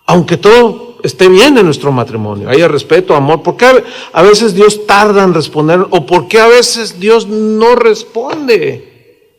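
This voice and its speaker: A man in his sixties with a Mexican accent, preaching a sermon in a relaxed, conversational way, with fillers and tag questions. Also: high-pitched, a little slow. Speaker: pastor. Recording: reverberant hall.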